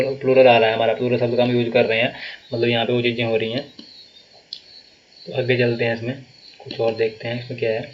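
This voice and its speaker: Brief: a man, Himachali Hindi accent, mid-pitched, live online grammar teacher, slow repetitive explaining, slightly dull lo-fi stream audio. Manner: explains slowly, repeats words, many fillers. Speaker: grammar teacher for exam prep. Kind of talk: live online class lecture.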